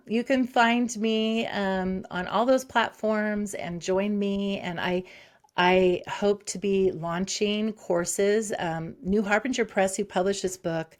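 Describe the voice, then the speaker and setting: Speaking at a measured pace and medium pitch, a woman psychologist guesting on an interview rambles in a lively, casual manner, her speech dotted with fillers and false starts.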